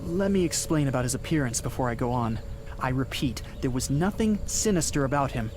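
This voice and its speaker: In a radio play, a man acts as a haunted driver recounting his cross-country journey, brooding as he narrates and stammering as he grows frantic. His medium-pitched voice is expressive, brisk and lightly acted, with a brooding, uneasy mood. This dramatic first-person piece has loud background noise and vehicle ambience.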